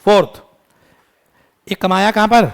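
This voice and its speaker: A man teaching a tax lecture in Hindi mixed with English, quizzing his students, calling them "beta" and scolding them briskly. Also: high-pitched, level tone, smooth. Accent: Indian English. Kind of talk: classroom lecture.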